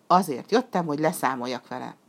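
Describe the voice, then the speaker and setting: A woman's voice: low voice, expressive. A woman voicing a brave, cheerful young boy hero in a storybook reading, bold and eager.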